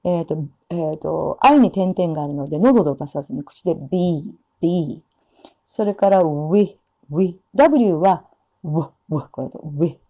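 A woman teaching English pronunciation, explaining sounds and slowly repeating example phrases. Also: fairly low pitch, expressive, warm tone. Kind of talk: pronunciation lesson. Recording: dull lo-fi sound.

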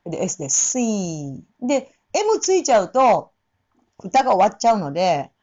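A woman's voice: medium pitch, big pitch swings, normal speed, mellow, lo-fi sound. A woman teaching English pronunciation for singing, demonstrating the sounds by repeating words. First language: Japanese. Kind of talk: casual spoken lesson.

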